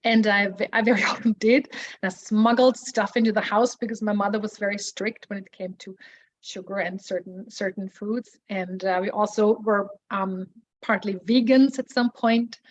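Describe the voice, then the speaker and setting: An Austrian woman in her 40s, a member of a support group, gives personal testimony hesitantly and with many restarts. She has a mid-range voice, fairly even intonation and moderate pace, and the audio is muffled and lo-fi.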